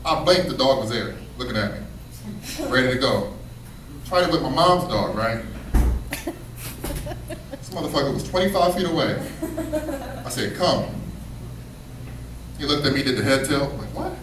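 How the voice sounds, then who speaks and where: A man's voice: medium pitch, expressive, moderate pace, long pauses. A man doing a stand-up set in a comedy club, telling stories in a laid-back, conversational way with slangy asides. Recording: echoey club from a distance, noisy room. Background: audience laughter.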